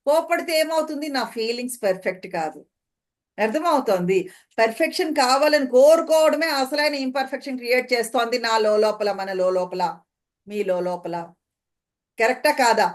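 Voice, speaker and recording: A woman with a Telugu accent giving a spiritual talk, explaining slowly and often asking listeners if they follow. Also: a little high. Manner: slow, explaining, asks listeners questions. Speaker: translator of spiritual commentary.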